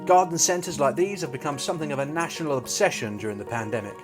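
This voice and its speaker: A man's voice: fairly high pitch, fast. A man narrating a scripted travel show as an upbeat host, with playful, wry storytelling. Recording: loud music bed behind voice. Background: guitar music.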